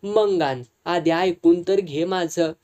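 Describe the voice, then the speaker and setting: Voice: medium pitch, slow, warm tone, close to an everyday voice. A reader voicing a frightened old village patriarch who speaks rural dialect. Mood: fearful. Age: older. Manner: rural dialect, fearful, confessional. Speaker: village elder.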